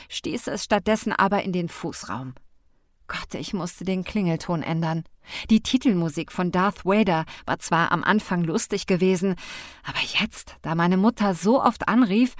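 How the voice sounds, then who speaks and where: A woman narrating a first-person novel in an expressive, wry manner with lively inflection. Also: medium pitch, no room sound, studio quality. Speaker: audiobook narrator.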